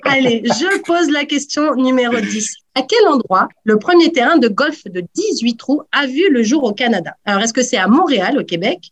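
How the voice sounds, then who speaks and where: Higher-voiced playful woman quiz host. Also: lively intonation, normal speed, few pauses. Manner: playful, teasing. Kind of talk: radio quiz hosting.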